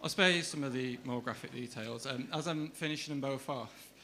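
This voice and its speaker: A man doing stand-up comedy on a comedy club stage, with a deadpan, hesitant delivery. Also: medium pitch, brisk, background noise.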